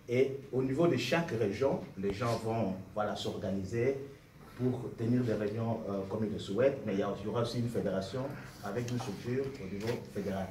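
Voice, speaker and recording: A party member rises from the floor to speak impromptu, earnest and combative, his lowish voice a little mellow and slightly quick. The recording comes from a distant mic in a noisy, echoing indoor meeting room.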